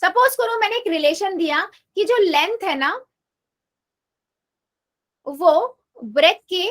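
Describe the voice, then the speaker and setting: A woman's voice: very high-pitched, lively intonation, takes it slowly. A woman math teacher giving a live online class, patiently coaxing her students and repeating her questions, mixing English math terms into her Hindi.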